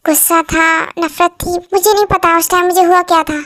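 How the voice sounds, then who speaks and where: A woman's voice: very high voice, fairly even intonation, fairly quick, sharp tone, no echo. A woman voicing a young male professor husband in a fan-dub drama, speaking in a soothing, teasing way. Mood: confused.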